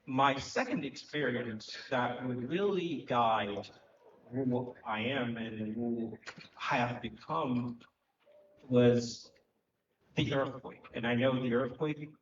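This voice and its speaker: A man in his thirties gives an earnest, reflective talk on a conference panel, filling pauses as he thinks. His voice sits at an ordinary pitch and is picked up from a distance. The sound is roomy and muffled, with a faint hiss behind it. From Haiti. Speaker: panel speaker, economic development director. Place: conference hall at a live event. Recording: echoey, distant, muffled hall recording.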